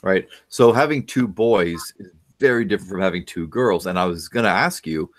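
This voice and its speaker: With a low voice at normal speed, this middle-aged man lectures about parenting from his home office during a video call. As the guest expert, he fires off many questions and uses fillers often.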